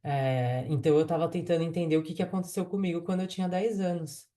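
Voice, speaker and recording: A woman telling a personal story in casual, animated speech, acting out the voices in her quotes and using many fillers. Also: lowish voice, quick pace. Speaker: vlogger recounting a dream.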